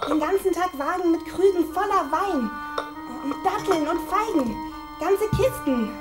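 High-voiced eager teenage girl. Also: a little slow, over music. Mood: excited, curious. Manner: excited, pleading. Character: eager, curious fourteen-year-old girl, dreamy and stubborn. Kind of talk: radio play acting.

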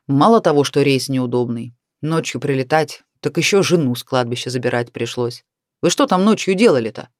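A woman's voice: a bass voice, brisk, dry recording, studio quality. A woman voicing a tired, irritable middle-aged husband who smirks and grumbles. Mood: grumpy. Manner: grumpy, smirking.

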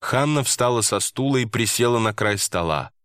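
A male audiobook narrator reading a story in an even, measured way. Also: medium pitch, clear, resonant tone, dry recording, clean studio sound. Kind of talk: scripted narration.

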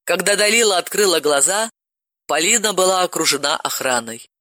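A woman narrating an audiobook with an expressive reading. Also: lowish voice, fairly quick, dry recording, studio quality. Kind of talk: scripted narration.

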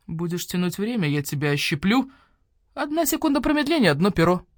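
A woman playing a gruff badger-cat cop. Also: lowish voice, very animated, fairly quick, no room sound, clean studio sound. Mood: menacing. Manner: brusque, threatening. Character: tough badger-cat police officer, gruff, impatient. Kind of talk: audiobook character voice.

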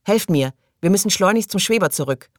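A man reading a panicked male space explorer in an audiobook, calling out hoarsely and urgently. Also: high-pitched, expressive, fairly quick, no echo, studio quality, pitched above the performer's own voice.

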